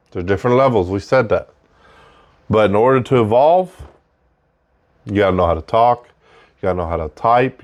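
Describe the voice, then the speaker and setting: A man with a fairly low voice hosts his own show in a loose, unscripted way. He talks conversationally and circles back to repeat his points. His breaths can be heard between phrases. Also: a little mellow. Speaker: host of a show about technical trade work. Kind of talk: casual unscripted monologue.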